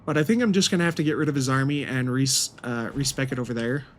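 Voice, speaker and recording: A man gives casual game commentary in a mid-pitched voice. He thinks aloud as he plays, with faint noise and ambience in the background. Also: fast talker. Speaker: gaming video host.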